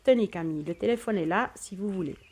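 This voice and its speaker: A gentle, well-groomed man in his sixties, read aloud by a woman narrator speaks calmly and courteously in an audiobook. His tone stays reassuring and unhurried, a host putting a stranger at ease. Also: sits high, slightly rough. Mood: kind. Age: 60s.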